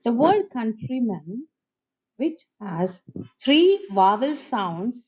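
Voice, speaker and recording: A woman teacher giving a phonetics lesson, speaking slowly and carefully and saying each example word twice. Her pitch moves a lot as she stresses the words. The recording sounds dull and lo-fi. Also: very animated, husky. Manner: slow and deliberate, repeating each example word. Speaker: English teacher.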